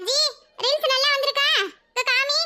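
A woman's voice: very high voice, level tone, normal speed, bright, forceful tone, exaggerated voice. A woman voicing cheeky, quarrelsome young boys in a cartoon, teasing and bickering over a phone. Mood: squabbling. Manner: squabbling, teasing banter. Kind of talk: cartoon voice acting.

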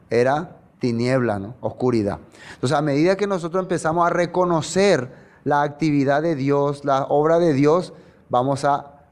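Higher-voiced preacher asking the congregation. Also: male voice, darkish tone. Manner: rhetorical questions to the congregation; dramatic pauses, sudden drops in pitch. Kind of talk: sermon Bible study.

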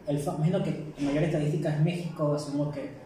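Mellow podcast host, distant and echoey. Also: male voice, a little high, steady tone, fast. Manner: asks easygoing, prompting questions. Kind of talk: casual chat. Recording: roomy echo, distant mic, noisy.

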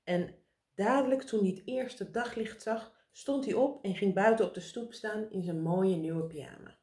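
Vrouw die een kinderboek voorleest, galmend. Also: female voice, mid-range voice, normal speed. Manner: lively, expressive narration. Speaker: storybook reader. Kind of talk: reading a children's book aloud. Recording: roomy echo.

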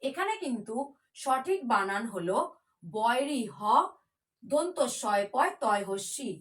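A woman's voice: on the high side, big pitch swings, slow pace. A woman teaching a children's spelling class in a patient, coaxing way, spelling words out letter by letter.

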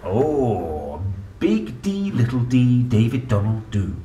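With wildly swooping pitch and a mellow voice, a young man reads a children's alphabet book aloud to small children, animated and sing-song. He takes it slowly, speaking as if chatting to them directly, as a book reader and presenter. The room echoes a bit and the mic is distant, with faint background noise.

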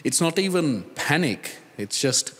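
A Sri Lankan data scientist sits on a conference panel, speaking through a handheld microphone on a large hall stage where the sound echoes. His fairly high, slightly bright voice swings widely in pitch, and he talks earnestly and deliberately with pauses and restarts.

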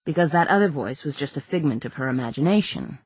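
Low husky lady reading a novel, measured and quiet, dry close sound. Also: animated, no echo. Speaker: audiobook narrator. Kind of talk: scripted narration.

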